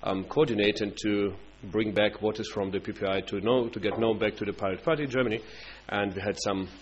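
Halting man, low voice. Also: steady tone, crowd noise. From Russia. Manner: halting, many fillers and restarts. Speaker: party international coordinator. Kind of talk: conference speech. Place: conference hall. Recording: dull conference-room recording with faint hum.

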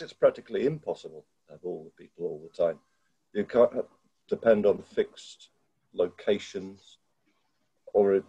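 An older man speaking on a video call through a headset from a room at home, thoughtful and halting, often restarting as he works out his ideas. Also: on the low side, mellow, slightly rough. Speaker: participant in an online educators' discussion. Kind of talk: casual video-call discussion. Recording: dull, lo-fi video-call audio.

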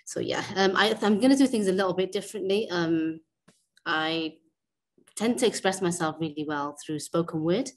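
A young woman from Wales talks on a video call through a wired earphone mic, her voice low-pitched for a woman. She speaks softly and hesitantly, filling pauses with ums, and sounds a little nervous as she introduces herself as a guest speaker. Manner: soft-spoken, hesitant, with many fillers. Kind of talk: casual spoken introduction. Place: indoor room at home.

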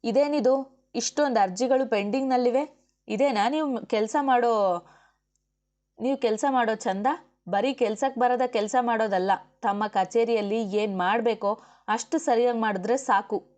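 A woman's voice: fairly high pitch, normal speed, darkish tone, lightly acted. Brief: woman reader voicing a bossy, short-tempered male official in an audiobook, giving curt orders. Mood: scolding. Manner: commanding, scolding. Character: stern male officer and husband, quick-tempered. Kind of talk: audiobook character voice.

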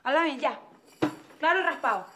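An actress playing a sassy woman pressing a man for a clear answer, in a television drama. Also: sits high, expressive, normal speed, over loud music. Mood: demanding. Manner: teasing, impatient, blunt. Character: feisty woman demanding a straight answer.

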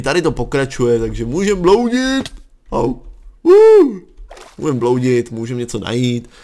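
A young Czech man with a gravelly, fry-edged voice, giving running commentary as he plays. His pitch swings widely, from low mutters to sudden high yelps when something startles him. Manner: excitable, jumps to yelps and curses when startled. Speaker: gaming channel host. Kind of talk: Let's Play commentary.

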